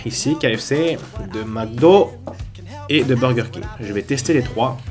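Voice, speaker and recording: A man's voice: mid-range voice, a little slow, a little mellow, soft background music. Man with a congested, blocked nose. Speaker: host of a mukbang food review vlog. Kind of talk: casual vlog talk to camera. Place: at home.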